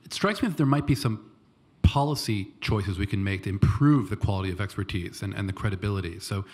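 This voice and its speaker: A man stands to ask the panel a question, his voice sitting low. He lays out his reasoning in an unhurried, explanatory way. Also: a little mellow, husky. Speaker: audience questioner. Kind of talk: question from the floor.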